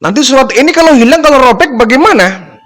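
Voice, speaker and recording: A man's voice: extremely high pitch, animated, fast talker, fairly bright tone, voice pushed up. A man voicing a kindly, wise older man who presses with raised, urgent questions.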